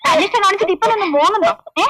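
A woman's voice: extremely high pitch, rapid-fire, heavy background noise. An actress playing a middle-aged aunt in an 1980s film, scolding and soothing a frightened little girl. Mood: coaxing.

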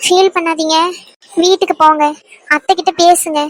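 A woman voicing a gentle young woman who is anxious and guilt-ridden about her coming marriage, speaking softly and apologetically. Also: extremely high pitch, steady tone, moderate pace, no room sound. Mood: pleading. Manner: soft, pleading, apologetic. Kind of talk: fan dub of a serial scene.

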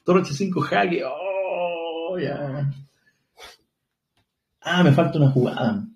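Male streamer, chatty chess commentator, slightly high voice, thinks aloud and jokes. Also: unhurried, a little mellow. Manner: chatty, joking, thinks aloud with short laughs. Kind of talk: live chess game analysis.

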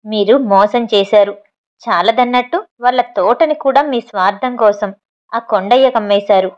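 A woman's voice: a little high, moderate pace, muffled recording, close to an everyday voice. A woman voicing an angry grown son who heatedly accuses his father, in a storybook reading. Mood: accusing.

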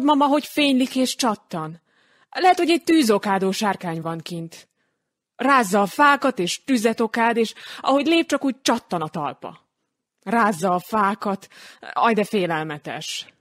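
Storybook little boy, high and lively, childlike , as a woman reader puts him on, dry close sound. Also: dry recording. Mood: frightened. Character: frightened then excited little boy.

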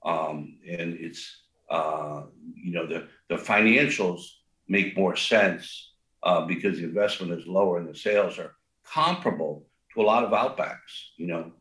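At a measured pace, the older man, a restaurant co-founder, rambles in a casual interview using a big voice, many fillers and restarts. His voice is low-pitched and a bit bright, heard in an echoey room.

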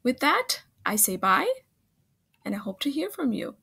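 A school counselor from Singapore introduces herself over a slideshow, talking in a friendly, conversational way, recorded on a laptop webcam at home. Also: female voice, on the high side, sing-song, a little slow, creaky, sharp tone, husky. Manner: friendly, conversational with occasional fillers. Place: home room, webcam in corner of screen share.

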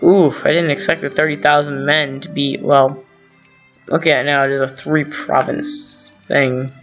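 A man's voice: fairly high pitch, little pitch movement, measured pace, a bit bright. Man rambling through strategy game commentary. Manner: rambling, thinks aloud with fillers and self-corrections. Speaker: gaming channel host. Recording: dull lo-fi sound, faint music.

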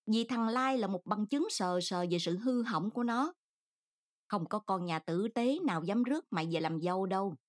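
A woman's voice: medium pitch, animated, moderate pace, close to an everyday voice. A woman reading an audiobook, voicing an older aunt who scolds harshly and reproachfully. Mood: scolding.

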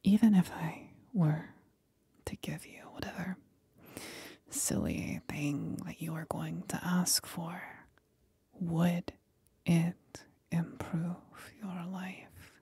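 Playing a cunning, condescending demon companion for ASMR, she speaks in a breathy, husky whisper, drawing out each teasing word. Her lowish voice carries a dark tone and fairly even intonation in a full character voice, recorded without echo, and she comes across as cool and probing.

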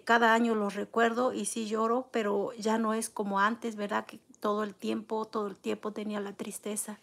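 A woman's voice: a little high, creaky. A middle-aged woman hosting a casual livestream, reading out viewers' names and comments and answering them in a consoling way. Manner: warm, consoling, reads viewer names aloud; eats soup between comments. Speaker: livestream host.

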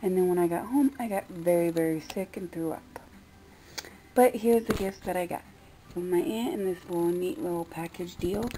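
A woman's voice: fairly low pitch, moderate pace, mellow, a little hiss or hum, poor audio. A woman vlogger talking loosely and chattily as she shows off her gifts, recorded on a phone. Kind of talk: casual haul vlog.

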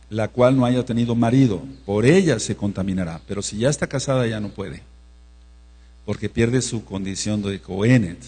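Husky-voiced man preaching in a hall. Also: mid-range voice, darkish tone. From Mexico. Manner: instructive, checks in with the congregation; spells out words slowly. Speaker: pastor. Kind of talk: teaching sermon. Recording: reverberant hall with mains hum.

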